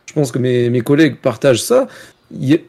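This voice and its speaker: A man with a French accent, co-hosting a casual motorsport podcast, giving strong opinions with sudden jumps in pitch. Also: expressive, a little fast, creaky, dark tone. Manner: opinionated, big pitch jumps when ranting. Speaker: podcast co-host.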